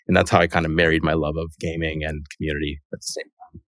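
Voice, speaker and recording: A man's voice: a bass voice, level tone, quick pace, a bit bright, dry recording, clean studio sound. A man talking casually as a podcast guest, chatty and loose, leaning on "like" fillers and laughing through his sentences. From Los Angeles, USA. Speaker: guest, company co-founder. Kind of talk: casual interview conversation.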